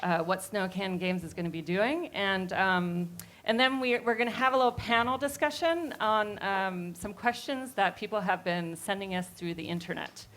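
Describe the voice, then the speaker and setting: A woman's voice: medium pitch, moderate pace, fairly bright tone. A woman speaking in front of an audience as host of a launch event, welcoming people in a casual, slightly hesitant way. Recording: noisy live room with ambience.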